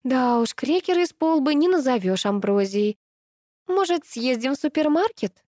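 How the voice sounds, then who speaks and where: A woman reading an audiobook, voicing a lively female doctor with a bright, quick-reacting manner. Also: high voice, dry recording, studio quality, voice pushed up. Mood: eager.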